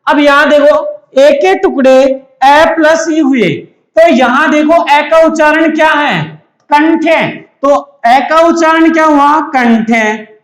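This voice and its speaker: A man's voice: very high-pitched, slow pace, fairly bright tone. A man giving an exam-prep lecture, asking and answering his own questions over and over. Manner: repetitive call-and-answer teaching. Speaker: teacher. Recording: echoey room.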